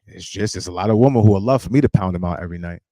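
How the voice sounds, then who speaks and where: A man's voice: deep voice, racing, mellow, dry recording. A man in his late thirties hosting a live stream, giving casual life advice in a blunt, emphatic, preachy way and swearing freely. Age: 30s.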